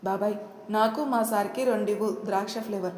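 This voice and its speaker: A woman's voice: mid-range voice, fairly even intonation, fairly quick, darkish tone, echoey room, slight background noise, lightly acted. A woman voicing a playful young female secretary who talks in a teasing, spirited way.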